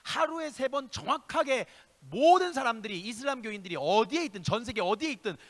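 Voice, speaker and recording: High-voiced impassioned male preacher. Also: lively intonation, a little fast, long reverb tail. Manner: impassioned preaching, shifting between loud exhortation and hushed asides; speaks directly to listeners with rhetorical questions. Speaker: youth pastor. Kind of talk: youth sermon. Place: church sanctuary.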